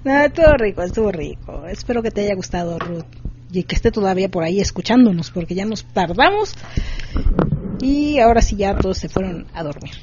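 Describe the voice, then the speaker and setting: A woman's voice: mid-range voice, animated, brisk, darkish tone. Teasing woman co-hosting late radio. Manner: teasing and playful, announces events. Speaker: late-night radio co-host. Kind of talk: late-night radio chat. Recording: dull lo-fi radio sound with faint noise.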